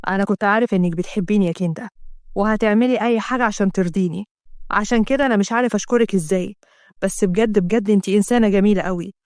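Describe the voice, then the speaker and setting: A man's voice: sits high, rapid-fire, darkish tone, smooth, no echo, clean studio sound, pitched below the performer's own voice. A woman voicing a cold, commanding male boss with an Egyptian Arabic accent, giving stern, clipped orders. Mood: smooth.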